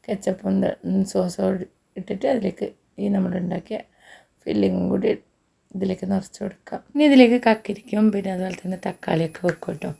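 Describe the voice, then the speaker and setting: A woman's voice: medium pitch, fairly even intonation, fairly quick, gravelly, warm tone, husky. A woman, short of breath, chatting homely through a casual cooking vlog. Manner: chatty, homely, frequent tag particles. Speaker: cooking vlogger.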